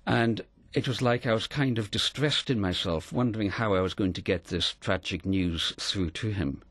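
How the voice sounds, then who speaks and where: Deep-voiced earnest male interviewee. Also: a bit bright, dry recording. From Scotland. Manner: measured, earnest storyteller. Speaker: interview guest. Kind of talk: reflective storytelling in an interview.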